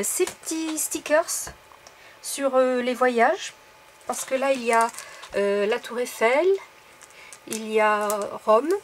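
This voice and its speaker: A woman's voice: fairly high pitch, slight background noise. A woman chatting casually to viewers as she shows off craft supplies she bought, with lots of fillers and asides. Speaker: craft vlogger. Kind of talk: casual haul video.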